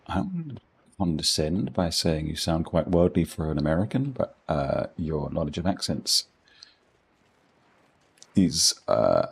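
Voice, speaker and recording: This gaming streamer is a middle-aged man from England whose posh accent carries a deep, darkish, slightly rough tone and vocal fry. He rambles casually to his viewers as he plays, poking fun at himself in a dry way.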